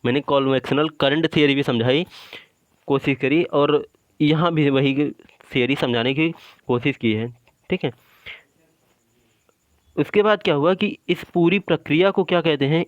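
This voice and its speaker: This exam-prep lecture comes from a male teacher with a fairly high pitch who speaks at a moderate pace and pauses often. He explains a drawing step by step, drills terms through repeated questions and answers, and says "ठीक है" after most points. The audio is dull, without echo.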